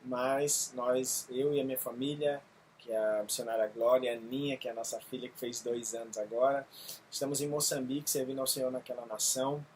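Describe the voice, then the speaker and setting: A missionary pastor tells his testimony earnestly, often pausing on fillers. His voice sits at an ordinary pitch for a man. A faint hiss of room noise stays under his words. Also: steady tone, darkish tone. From Brazil. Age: 30s. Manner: earnest, halting with frequent fillers. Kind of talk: testimony video.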